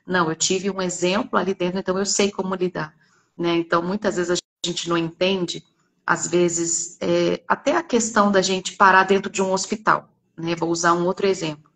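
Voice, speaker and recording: Brief: Brazilian woman, church testimony, earnest storyteller, slightly gravelly voice. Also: lowish voice, little pitch movement, normal speed, a bit bright. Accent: Brazilian Portuguese.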